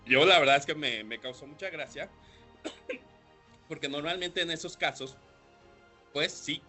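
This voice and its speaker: A man hosting a leadership podcast, explaining points with rhetorical questions and frequent throat clearing. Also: a little high, a little slow, sharp tone, faint music behind. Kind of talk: solo podcast talk.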